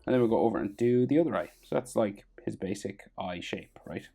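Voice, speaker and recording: Casual drawing tutor: husky, low-key mellow tone, halting think-aloud delivery. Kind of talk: casual step-by-step drawing instruction. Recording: background noise and music.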